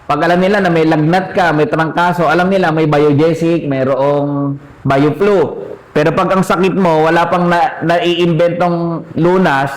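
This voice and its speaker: Fairly high-voiced man preaching conversationally. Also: steady tone, measured pace, rough recording. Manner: conversational teaching, asks the listeners questions. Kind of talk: sermon.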